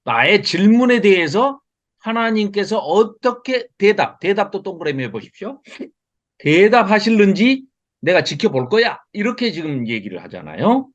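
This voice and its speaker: Male Bible teacher on a video call, lively pitch, fairly high voice, dull lo-fi audio, quizzes his class. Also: moderate pace. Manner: lively and expressive, chuckles often, asks the class questions. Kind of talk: online Bible lecture.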